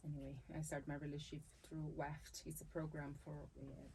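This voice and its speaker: A Brazilian-accented woman from Salvador, Bahia, a native Portuguese speaker, has a low, gravelly voice with a warm, mellow tone and a flat, fairly quick delivery. As a dancer and capoeira instructor being interviewed conversationally, she talks thoughtfully, restarting phrases and laughing easily. A faint hum of room noise sits beneath her.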